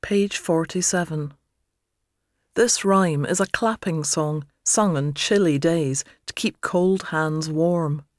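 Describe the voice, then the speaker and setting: Calm woman reading explanatory notes. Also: deep voice, takes it slowly, no echo, studio quality. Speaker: narrator. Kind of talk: scripted narration of notes.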